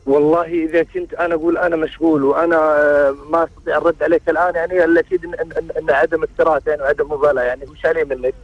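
A man pours out his marriage troubles at a very fast clip, restarting again and again as he hunts for the right word. His voice sits a bit high for a man. It comes through a muffled, lo-fi phone line. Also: flat delivery. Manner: rambling, searching for words, frequent restarts. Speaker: caller seeking marriage advice. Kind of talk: call-in radio conversation.

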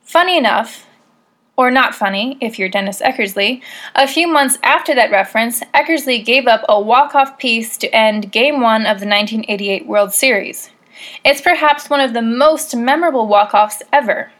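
A woman's voice: on the high side, normal speed, fairly bright tone. A woman hosting a podcast, telling stories in a casual, wry, self-deprecating way from a loose script. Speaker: podcast host.

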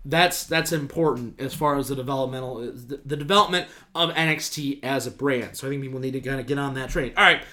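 A man from Michigan hosting a sports podcast in casual chat, talking fast in animated bursts and acting out quoted reactions. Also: medium pitch. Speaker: podcast host.

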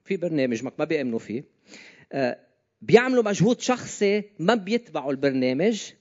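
Higher-voiced Lebanese preacher, a man. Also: sing-song, fast. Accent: Lebanese Arabic. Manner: conversational, often asking listeners questions. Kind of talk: informal sermon to a congregation. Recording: slightly dull, lo-fi sound.

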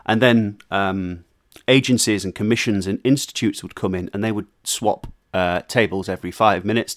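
A man co-hosting a casual podcast chat, talking in an animated, emphatic way with frequent restarts. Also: lowish voice.

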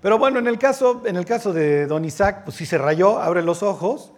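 A man's voice: high voice, expressive, normal speed. A man with a Mexican Spanish accent teaching a Bible sermon in a chatty way, often checking in with his listeners and dropping slangy asides. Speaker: preacher.

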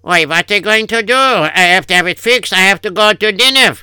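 A man's voice: high voice, expressive, brisk, bright, forceful tone, smooth, dry recording, studio quality, exaggerated voice. A man playing a fretful Yiddish-accented husband. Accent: Yiddish-inflected English. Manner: kvetching, sighing oy vey. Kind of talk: improvised comic radio story.

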